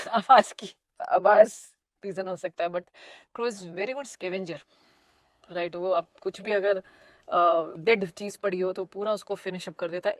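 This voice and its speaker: A woman from India, an animated lake restoration activist telling stories in an interview with playful asides. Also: mid-range voice, dry recording, studio quality. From North India. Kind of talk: conversational interview storytelling.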